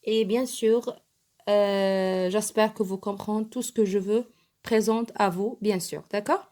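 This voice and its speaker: Woman teacher; slow, emphatic, bilingual explainer for young pupils. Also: mid-range voice, steady tone, mellow. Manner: slow, emphatic letter-by-letter explaining, switching to Arabic. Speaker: primary school French teacher. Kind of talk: bilingual lesson explaining an exam.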